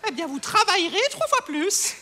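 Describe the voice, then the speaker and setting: A man's voice: very high-pitched, big pitch swings, normal speed, bright, forceful tone, exaggerated voice. A man playing a fussy, scheming, overdramatic middle-aged landlady in a stage comedy sketch, simpering and stammering into melodramatic outbursts. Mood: smug, mocking.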